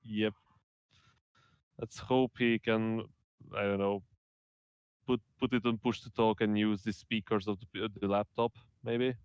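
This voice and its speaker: A man playing a tabletop game over voice chat, chatty and quick with casual swearing. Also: on the low side, flat delivery, smooth, no room sound. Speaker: player. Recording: faint background noise.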